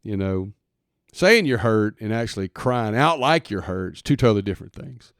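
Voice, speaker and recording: A man's voice: fairly low pitch, expressive, moderate pace, a bit bright, smooth, dry recording, studio quality. A man, hosting a casual faith podcast in a folksy, rambling way with fillers and chuckles. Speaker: podcast host.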